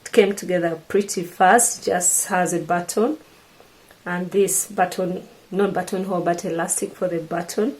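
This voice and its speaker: A woman's voice: fairly low pitch, fairly even intonation, normal speed, low-quality recording. A middle-aged woman from Uganda with a Ugandan accent, chatting to camera about her sewing and often restarting her sentences. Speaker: sewing vlogger. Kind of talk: casual chat to camera.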